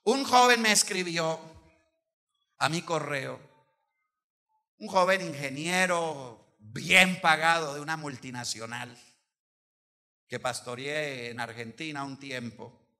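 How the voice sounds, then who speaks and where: An older pastor preaches with animated storytelling, acting out the voices of the people in his anecdote. His voice is very bright and sits a little high for a man. He swings his delivery between loud, emphatic lines and quieter asides. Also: takes it slowly, long pauses. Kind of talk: sermon with anecdote.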